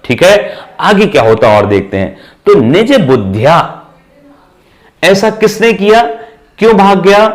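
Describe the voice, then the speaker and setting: A man teaching a class in a lively voice that rises and falls a lot. He keeps asking the listeners questions and then answers them himself. He goes back over key words slowly, one piece at a time. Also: on the high side. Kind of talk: Sanskrit lesson explained in Hindi.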